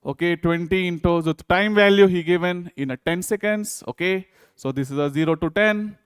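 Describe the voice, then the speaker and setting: He has a smooth, high voice and keeps a moderate pace, recorded in studio quality with no room sound. With an Indian accent, he teaches physics by working through exam problems stepwise and repeatedly checking that students are following.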